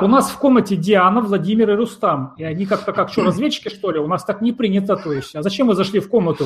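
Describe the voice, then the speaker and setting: Мужчина-ведущий с немного высоким голосом ровно и спокойно обращается к участникам эфира. Говорит негромко и доброжелательно-деловито. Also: male voice, high voice. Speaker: talk show host. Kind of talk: hosting a live online talk show.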